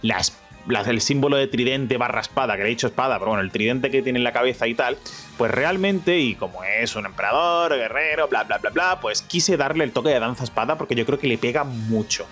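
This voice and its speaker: A man's voice: mid-range voice, animated, a little fast, fairly bright tone, faint music behind. A young man with a Spanish accent from Spain, giving jokey, self-mocking commentary over a game playthrough and talking to his viewers. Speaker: gaming YouTuber.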